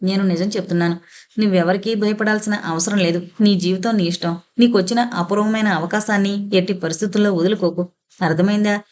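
A woman reading as a caring female friend who speaks softly and reassuringly. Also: mid-range voice, steady tone, a little fast, lightly acted. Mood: soothing. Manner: soft, reassuring. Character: caring gentle female friend, soothing and firm.

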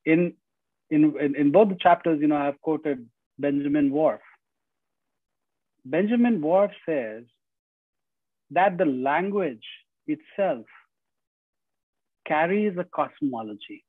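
Here a middle-aged Indian-accented man, appearing as a guest speaker, lectures earnestly over a video call from indoors at home, wearing earbuds. His slightly high voice is animated, yet he takes it slowly, leaving long pauses, dropping in "you know," and restarting phrases. The tinny call audio is dry, with no echo.

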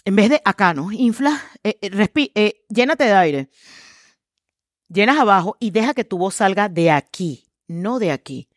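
A middle-aged woman, a communications trainer, talking with lots of energy in a low voice and acting out quoted voices as she tells stories in an interview. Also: moderate pace, dry recording, studio quality. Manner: acts out quoted voices, lively storytelling. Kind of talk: animated interview conversation.

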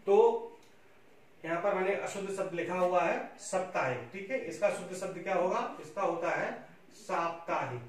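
A man's voice: sits high, expressive, moderate pace. A man teaching Hindi spelling in a lecture, coaxing students and checking in with "okay" after nearly every point. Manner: repeats "theek hai" constantly, coaxing and instructive. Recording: very echoey room, distant mic, faint hiss.

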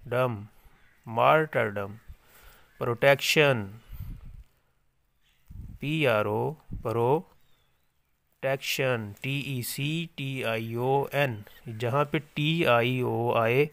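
A man teaching an English spelling lesson, slowly repeating each word and spelling it letter by letter. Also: medium pitch, gravelly, a bit bright, dry recording. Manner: slow, repetitive dictation, repeating each word several times.

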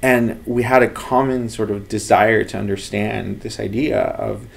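Earnest man with a gravelly voice. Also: on the low side, measured pace. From Los Angeles, United States. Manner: earnest, animated storytelling. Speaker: lab head researcher. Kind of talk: casual interview talk. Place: office with bookshelves, indoors.

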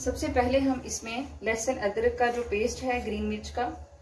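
An adult cooking vlogger, mother of a young son, calmly walks her viewers through a home recipe step by step at her kitchen stove. Her voice is fairly high and moderately paced. Heavy background noise comes from frying and stirring in a wok, with a sizzle under her words.

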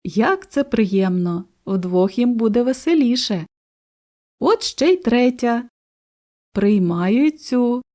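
A woman voicing a gentle, caring mother siskin bird in a storybook, speaking softly and slowly. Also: fairly high pitch, animated, pitched above the performer's own voice. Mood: tender. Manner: soft, slow, tender.

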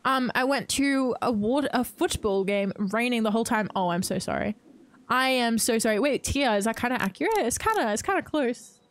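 Bubbly, excitable young woman streamer. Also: on the high side, fairly quick, no room sound. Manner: bubbly and excitable, greets chat, gasps often. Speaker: game streamer. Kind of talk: casual live-stream chat.

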